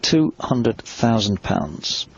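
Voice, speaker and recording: A man giving quiet, measured sports commentary as a snooker commentator. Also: on the low side, big pitch swings, vocal fry, husky, dry recording. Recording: dull lo-fi TV broadcast audio.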